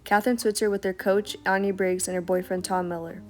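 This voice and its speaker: A woman reading scripted documentary narration in a steady, read-aloud way. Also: mid-range voice, brisk.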